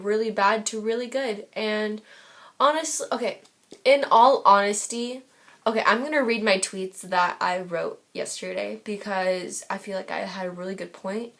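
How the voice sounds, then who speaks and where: A woman's voice: medium pitch, moderate pace, fairly bright tone. A teenage girl telling a storytime vlog in a rambling, gushing way, with lots of fillers and restarts, recorded on a tablet. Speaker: vlogger. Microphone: tablet camera.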